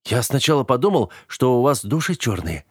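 A man's voice: mid-range voice, sing-song, a little fast, slightly rough, no room sound, studio quality, voice pushed up. A man voicing a naive young fighter in an audiobook, earnest and a little hesitant. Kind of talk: audiobook character voice.

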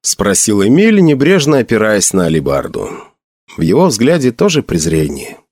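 A man reading a fantasy novel aloud as narrator, with expressive intonation. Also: on the low side, moderate pace, no echo, studio quality. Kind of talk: audiobook reading.

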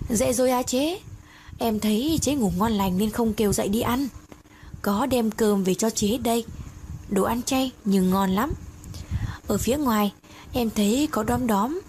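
A woman's voice: on the high side, a little mellow, natural voice. A woman voicing a blunt, loyal young woman who scolds and urges her friends on, heard over a noisy hiss. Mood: scolding. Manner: brisk, scolding, urgent.

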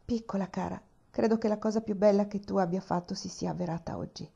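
A tall, gentle male doctor, voiced by a woman, speaking low and soft with emotion. The tone is mellow and warm-edged. The storybook recording is dull and lo-fi. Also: fairly even intonation, fast, creaky, husky. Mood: moved. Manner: soft, moved. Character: tall broad-shouldered man, gentle doctor.

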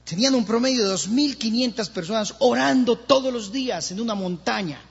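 High-voiced Colombian pastor preaching in a hall. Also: male voice, brisk, vocal fry, slightly rough. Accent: Colombian Spanish. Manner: animated preaching, acting out voices. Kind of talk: sermon. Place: church hall. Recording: lo-fi church recording with long reverb.

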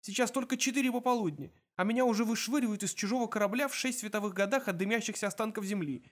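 A frantic, high-pitched Earthman who wails and gushes, put on by a man. His voice sits clearly above the narrator's own. It is performed as an audiobook character. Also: normal speed. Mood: panicked. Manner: high, excited and wailing. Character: frantic panicky Earthman, young adult male.

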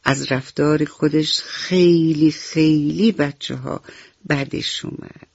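Lady telling kids a bedtime story on the radio, slow and loving, dry muffled sound. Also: sits low, steady tone, gravelly, no room sound. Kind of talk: bedtime story narration for children. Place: radio studio. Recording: dull lo-fi radio recording with soft music.

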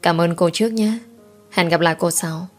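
A woman's voice: on the low side, moderate pace, faint music behind, lightly acted. A woman voicing a polite young male driver who speaks hesitantly in a storybook reading.

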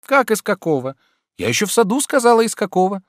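Olga, a man doing a high, teasing young woman. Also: quick pace, no echo, clean studio sound. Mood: playful teasing. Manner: teasing, lively, capricious. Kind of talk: audiobook character reading.

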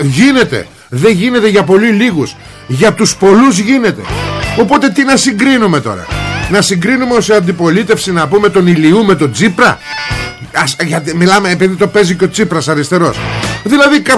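A man's voice: sits high, a bit bright. A man hosting a talk radio show, ranting sarcastically about politics in blunt street slang. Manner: sarcastic, mocking, colloquial rant.

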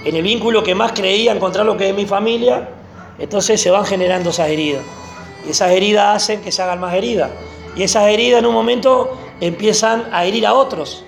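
A man preaching a sermon, animated and repeating phrases for emphasis. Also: high voice, a little fast, vocal fry, soft background music.

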